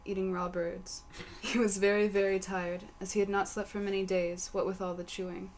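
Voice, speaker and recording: A woman narrates a silly fantasy story in a flat, matter-of-fact tone and lets the absurd lines land without any emphasis. Her pitch is mid-range, and a faint hiss sits under the voice. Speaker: story reader. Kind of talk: deadpan comic narration.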